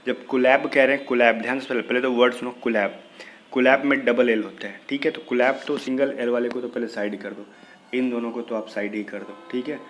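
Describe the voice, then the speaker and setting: A man's voice: mid-range voice, fairly even intonation, quick pace, a little hiss or hum, rough recording. A man teaching English vocabulary for an exam, explaining in a casual way and spelling words out letter by letter. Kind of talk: exam-prep vocabulary lesson.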